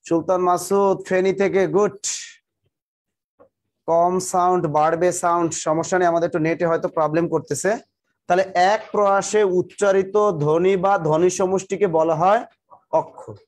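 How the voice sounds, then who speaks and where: A male teacher giving a live online exam-prep class, repeating definitions slowly so students can write them down and urging them to hurry. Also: sits high, fairly even intonation, darkish tone. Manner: talks to viewers directly, greeting them by name and district.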